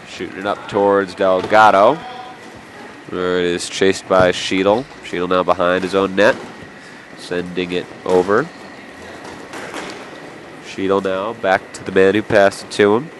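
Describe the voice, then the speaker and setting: A man calls a local hockey game play-by-play in a lowish voice, a bit stuffy and nasal from a cold. He drops in jokey, chatty asides between the action. Faint arena noise sits behind him. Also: steady tone, measured pace, pauses often. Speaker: play-by-play commentator. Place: indoor sports arena.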